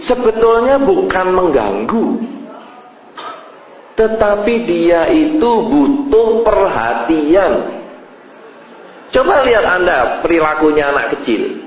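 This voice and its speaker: A man, a Buddhist monk giving a sermon as a lively storyteller who acts out scenes with sudden jumps in his voice. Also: sits high, slow pace, pauses often, faint music behind. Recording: echoey hall, dull lo-fi sound.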